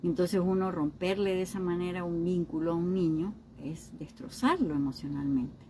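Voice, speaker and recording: Woman speaker, mellow warm tone, informal teaching talk, keeps checking in with listeners. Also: fairly low pitch, moderate pace, a little hiss or hum, rough recording. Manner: acts out other people's remarks in quoted voices. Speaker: speaker on emotional healing.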